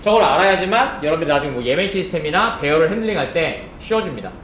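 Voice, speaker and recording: Male coding instructor, lively animated delivery, roomy room, faint keyboard typing behind. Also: a little high, racing, slight background noise. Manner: rhetorical questions, checks understanding often. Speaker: programming instructor. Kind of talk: live coding lecture.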